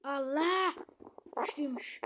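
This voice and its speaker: A young woman casually commenting on her gameplay, muttering to herself and then shouting at opponents. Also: sits high, unhurried, background noise. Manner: chatty, swings between muttering and loud outbursts at opponents. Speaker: gamer streamer.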